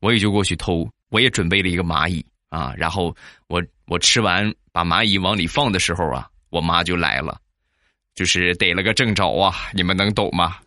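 A comic storyteller from Shandong, China tells funny personal anecdotes in a chatty way, often asking listeners to agree. His voice is low and sharp-toned and fairly quick, captured as clean studio sound with no room sound.

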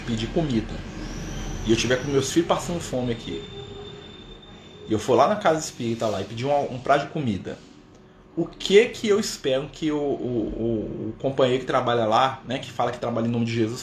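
A man's voice: mid-range voice, lively intonation, normal speed. A Brazilian man leading an informal live spiritist study, talking conversationally with rhetorical questions and frequent tag questions. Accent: Brazilian Portuguese. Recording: echoey room with faint noise.

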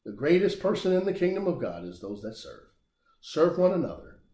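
A man preaching a sermon, emphatic and animated, rising and dropping his voice for effect. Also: on the high side, a little fast, reverberant. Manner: animated, emphatic preaching with big swings in loudness.

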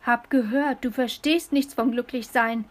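A woman's voice: fairly high pitch, steady tone, unhurried, natural voice. Woman doing Pistacia, a giggly bossy fairy. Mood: teasing. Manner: sing-song, giggly, teasing. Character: plump cheeky female luck fairy, bossy and teasing. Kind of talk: storybook reading.

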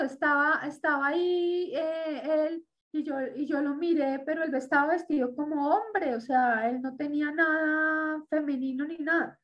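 A woman's voice: sits high, muffled recording. A woman sharing a personal religious testimony as an interview guest, telling a story and acting out what people said. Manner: storytelling with re-enacted quotes.

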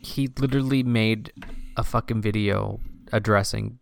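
A man's voice: fairly low pitch, steady tone, normal speed, vocal fry, clear, resonant tone. A young man co-hosting a casual chat, blunt and sarcastic, swearing freely. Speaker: podcast co-host.

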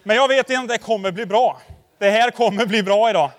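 A man's voice: high-pitched, big-room sound. A man preaching a casual, conversational sermon to a congregation, telling anecdotes and constantly asking them for agreement with tag questions. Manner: anecdotal storytelling, addressing the audience directly. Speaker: pastor. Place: church hall before a congregation.

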